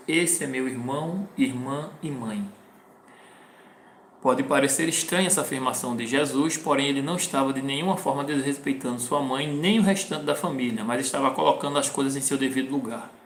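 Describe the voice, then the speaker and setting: A man's voice: fairly high pitch, vocal fry, a bit bright, roomy sound, slight background noise. A man teaching from the Bible, reading verses aloud and then explaining them plainly. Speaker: preacher.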